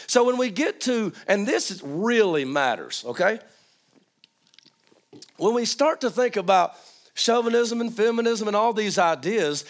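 A man preaching an informal teaching sermon, checking in with listeners through questions, his voice strained as it recovers from being lost. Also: high voice.

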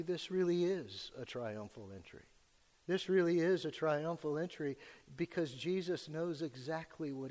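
Pastor at a pulpit microphone, a man with a fairly high voice, in a church with long hall reverb. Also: darkish tone. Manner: preaching with many filler "uh"s, rising for emphasis. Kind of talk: sermon. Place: church sanctuary.

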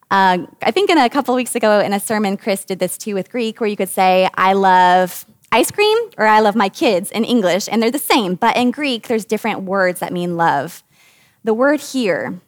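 A woman in her thirties from the United States gives a talk to a women's group as their Bible study teacher. She speaks in an earnest, conversational way with lively emphasis. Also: mid-range voice, no room sound, studio quality.

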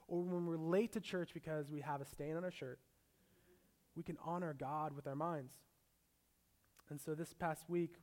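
A young man preaching a sermon as a pastor, mixing scripture with a relaxed personal story. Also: a little high.

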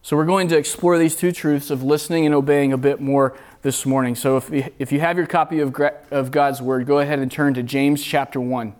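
High-pitched guy giving a sermon, repeats himself for emphasis, earnest. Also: steady tone, brisk, few pauses, darkish tone. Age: middle-aged. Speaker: youth pastor. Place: retreat meeting room.

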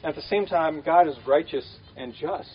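A man's voice: fairly high pitch, moderate pace, husky, dull audio, faint music behind. A man preaching a conversational sermon, casual and full of fillers, repeating key phrases.

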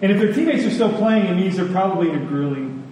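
In a large, very echoey hall with an audience, a man delivers a sermon woven with personal stories. His voice sits high and mellow with lively intonation, and he speaks conversationally, using emphatic repetition and pauses. The recording sounds distant, echoey, and faintly noisy.

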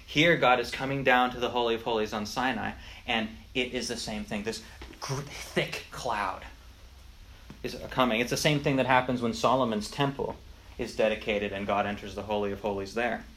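A man's voice: medium pitch, fairly even intonation, moderate pace, a bit bright, a little hiss or hum. A man teaching a Sunday school lesson, explaining the Bible and reading scripture aloud with rising emphasis.

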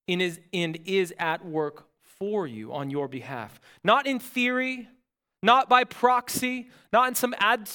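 A man preaching a sermon as pastor, earnest and emphatic, with dramatic pauses, asking the congregation questions and answering them himself. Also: high-pitched, a bit bright.

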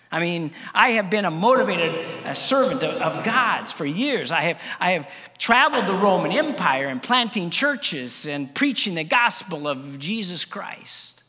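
A man acting as the Apostle Paul, reluctantly boasting to a congregation in a halting, stammering, heavily ironic dramatic monologue. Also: sits high, pushed and bright, slightly rough, big-room sound, full character voice. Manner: halting, stammering, heavy with irony. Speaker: actor in a first-person biblical monologue.

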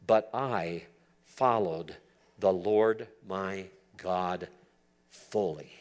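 A man in his seventies delivers a sermon in a low voice at a very slow pace. He earnestly reads Bible verses aloud and then explains them, moving back and forth between scripture and commentary.

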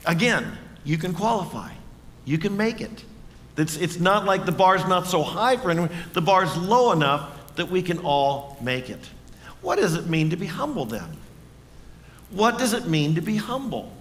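Bright-voiced man preaching in a church. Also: high-pitched, big pitch swings, moderate pace, big-room sound. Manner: earnest, conversational, asks the congregation questions. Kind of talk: sermon. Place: church sanctuary.

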